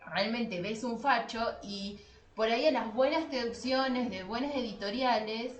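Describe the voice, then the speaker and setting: An unhurried woman with a slightly high voice and an Argentine Spanish accent co-hosts a podcast. She talks about literature casually, in a colloquial and irreverent way. The recording sounds roomy and echoey.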